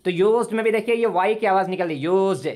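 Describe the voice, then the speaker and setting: A male English teacher giving an online lesson over a video call, patiently explaining grammar rules and repeating words slowly for his students. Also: sits high, darkish tone. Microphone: computer mic on a video call.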